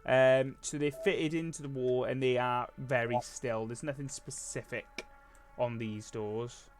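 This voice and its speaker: A man narrating as game master in a relaxed, hesitant way, with frequent pauses and ums. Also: medium pitch, soft background music.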